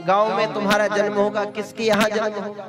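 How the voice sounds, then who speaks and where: Male religious storyteller, high-pitched, animated scripture discourse over instrumental music. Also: fairly quick. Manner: acts out story voices with lively pitch swings.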